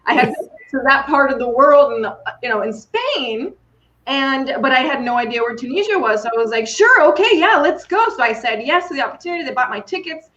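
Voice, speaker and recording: Brief: enthusiastic woman coach, fairly high voice, slightly muffled recording. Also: fairly quick. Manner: enthusiastic, animated storyteller. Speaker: coach and keynote speaker. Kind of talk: storytelling in podcast conversation.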